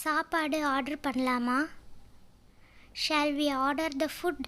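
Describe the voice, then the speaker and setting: A woman with a Tamil accent giving a language lesson, saying each sentence and then repeating it slowly and clearly. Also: high-pitched, fairly even intonation, a bit bright. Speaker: English teacher.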